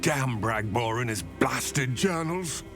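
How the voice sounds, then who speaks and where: An actor playing a grave, wary male goblin ally in video game dialogue, speaking in a formal, measured way. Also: medium pitch, expressive. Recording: game audio with loud music. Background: game music.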